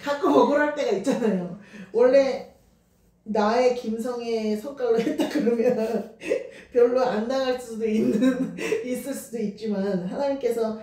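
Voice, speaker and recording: A woman's voice: on the high side, unhurried, warm tone. Woman in an echoey room, mic far off. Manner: mixes English words into Korean, laughs often. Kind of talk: personal faith testimony in conversation. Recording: roomy echo, voice picked up from a distance.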